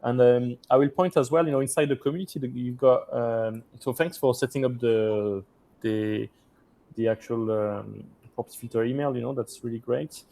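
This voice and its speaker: A man with a French accent hosts a webinar from a hotel room over a video call, speaking haltingly with many restarts and uh's. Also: medium pitch, fairly even intonation, vocal fry, warm tone. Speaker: host of an investor community webinar. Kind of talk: hosting a webinar Q&A.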